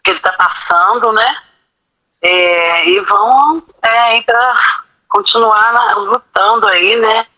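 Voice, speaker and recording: A meeting host on a video call, wrapping up slowly and haltingly. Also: medium pitch, lively intonation, bright, forceful tone, no room sound, low-quality recording. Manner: slow, halting closing remarks.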